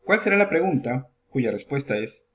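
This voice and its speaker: A man teaching English in a lesson, slowly spelling out example questions and then translating them, announcing each new word with a sing-song lift. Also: mid-range voice, big pitch swings, fairly bright tone. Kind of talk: classroom lesson narration.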